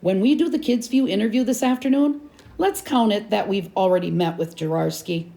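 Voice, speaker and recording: A woman's voice: medium pitch, fairly quick, creaky, dark tone, pitched above the performer's own voice, lightly acted. A woman voicing a nervous fifth-grade boy in a read-aloud storybook, talking in an anxious, exaggerated way. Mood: emphatic.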